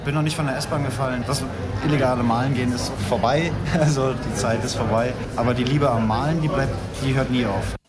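A man from Berlin chats easily about his work, dropping the odd joke. He talks at an even middle pitch. A loud crowd roars right behind him in a busy café. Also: brisk. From Berlin, Germany. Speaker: illustrator and designer interviewed at an event. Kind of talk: casual on-site interview. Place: busy bar and café at an art event. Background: loud crowd chatter.

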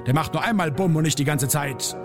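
A man's voice: fairly high pitch, brisk, natural voice. A man voicing a ranting misanthropic alter ego. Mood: ranting scornful. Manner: sneering, ranting, mocking. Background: soft piano music.

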